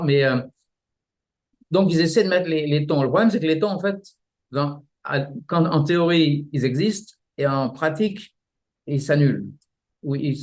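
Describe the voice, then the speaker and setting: Halting French man explaining martial arts. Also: medium pitch. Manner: halting, many restarts, explains with images. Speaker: martial arts teacher, guest. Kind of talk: casual explanatory interview.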